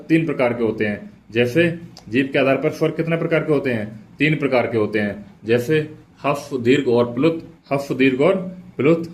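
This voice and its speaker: A male teacher giving an exam prep lecture, asking questions aloud and answering them himself, repeating each key point. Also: medium pitch.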